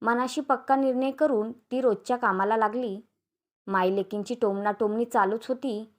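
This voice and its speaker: A woman narrating a family story in a steady, expressive storybook reading. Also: on the high side, moderate pace.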